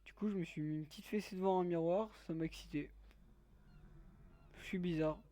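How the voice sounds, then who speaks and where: A man's voice: high-pitched, steady tone, fairly quick, warm tone. A man giving let's play commentary, joking crudely and teasing his viewers. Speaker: gaming YouTuber.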